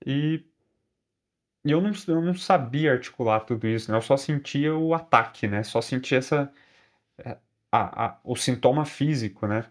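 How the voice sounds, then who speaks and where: A man's voice: medium pitch, moderate pace. Chatty Brazilian man telling a story. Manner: chatty, frequent tag questions and restarts. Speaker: vlogger. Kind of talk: casual personal storytelling.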